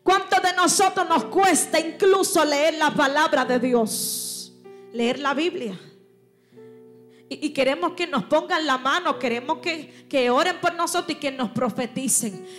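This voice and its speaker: A woman's voice: sits high, a little slow. A woman preacher delivering a fervent Pentecostal sermon in church, often calling out "aleluya". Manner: fervent, sprinkles "aleluya", builds to shouting. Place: church sanctuary. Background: church music.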